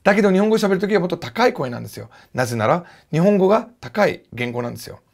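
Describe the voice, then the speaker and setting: An English speaker from the United States teaches a relaxed video lesson in Japanese, his clear throughout. His voice sits a bit high for a man and swings widely in pitch, with a gravelly edge, and he explains things in an animated, lively way. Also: rapid-fire.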